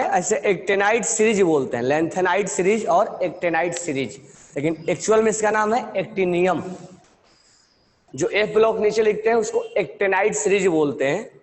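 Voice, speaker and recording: Guy teaching chem class, high voice, says each element over and over, echoey hall. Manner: slow, repeating element names for students to copy. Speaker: chemistry teacher. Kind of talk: classroom lecture. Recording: long hall reverb.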